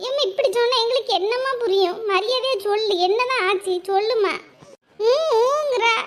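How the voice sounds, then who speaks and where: A woman's voice: very high voice, a bit bright. A woman voicing a chatty, nosy village friend who pesters with questions.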